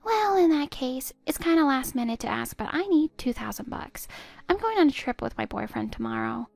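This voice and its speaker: A woman's voice: high-pitched, animated, moderate pace, gravelly, no echo, faint music behind, exaggerated voice. A woman voicing a spiteful stepdaughter in her twenties who sneers and cuts down her stepmother. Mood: scornful. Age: 20s. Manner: sneering, cutting, contemptuous. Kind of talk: text-story voice acting.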